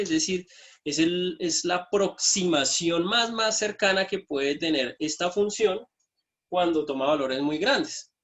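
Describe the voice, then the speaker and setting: A man's voice: on the high side, a bit bright. A man teaching an online math lesson from his computer, explaining each step and checking in with his students.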